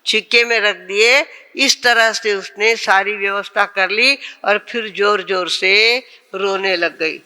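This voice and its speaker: Woman, Jain nun, storytelling sermon; bright crisp voice, long hall reverb. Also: medium pitch, takes it slowly. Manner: lively storyteller who acts out the characters' lines. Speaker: Jain nun giving a discourse.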